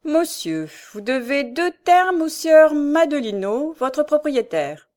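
A woman's voice: fairly high pitch, sing-song, moderate pace, darkish tone, voice pushed up. A woman voicing a fat, self-important male bailiff in an audiobook, grave and formal. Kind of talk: audiobook character voice.

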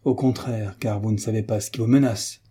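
Audiobook part: cheerful, teasing young soldier, husky and dark in tone, voiced by a male reader. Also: fairly low pitch, brisk. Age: young adult. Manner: lively, teasing, resolute.

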